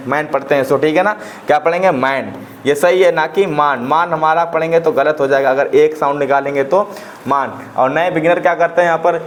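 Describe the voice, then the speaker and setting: A man's voice: fairly high pitch, a little hiss or hum. Man drilling pronunciation. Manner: asks rhetorical questions and repeats answers. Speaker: English teacher. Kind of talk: step-by-step pronunciation lesson.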